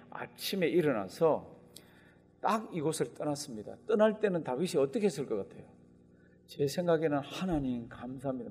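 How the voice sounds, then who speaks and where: A husky-voiced male pastor preaches in a lively, swooping delivery that sits on the higher side for a man. He acts out quoted lines with sudden loud outbursts. His voice rings through the long reverb of a church hall. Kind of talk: sermon.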